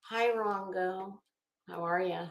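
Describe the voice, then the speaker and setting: A woman with a creaky, medium-pitched voice speaks slowly with fairly even intonation. She's a livestream host in casual, gossipy chat with viewers, chuckling through coy asides. The room sound is roomy and echoey.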